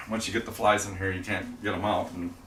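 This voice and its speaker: Working in his pottery studio, a middle-aged man chats casually on a livestream, rambling and joking at his own expense. He speaks at normal speed in a steady, pushed, bright voice on the low side, captured by a distant mic in a noisy, echoey room.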